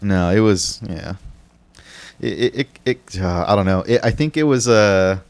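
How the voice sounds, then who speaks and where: A man's voice: fairly low pitch, unhurried, darkish tone, clean tone. A man co-hosting a podcast, chatting casually about movies with lots of fillers and restarts. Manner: rambling, many restarts and fillers. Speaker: podcast co-host.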